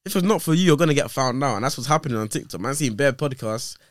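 A man's voice: medium pitch, animated, quick pace, no room sound, studio quality. A man of nineteen with a London roadman accent, chatting casually and with strong opinions as a podcast guest, full of slang and repeated phrases. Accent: London, urban roadman slang.

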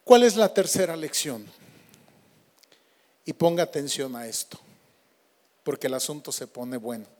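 A man preaching a sermon, swinging between loud emphatic lines and hushed, slowed words. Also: fairly high pitch, very animated. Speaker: pastor.

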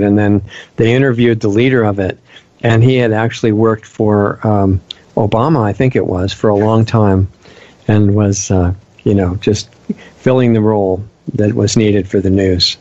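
A radio host with a fairly low voice chats with his guest, agreeing often and raising his own points earnestly. The sound is muffled and lo-fi. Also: a little mellow, no room sound. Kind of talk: casual radio talk. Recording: dull lo-fi audio.

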